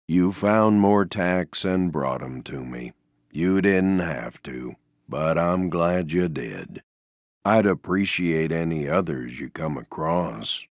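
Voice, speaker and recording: A male voice plays a glum, gentle stuffed donkey in video game voice lines, in a fully acted character voice. He drawls very low and slow with plenty of gravel, deadpan and resigned, often trailing off, though here sounding mildly pleased. The recording is close and dry.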